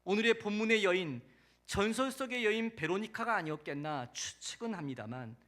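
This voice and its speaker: In a church, a male pastor preaches a sermon, telling a story dramatically. His voice sits high, with lively intonation and a slightly fast pace, hitting loud emphatic peaks and letting sentence endings drop softly.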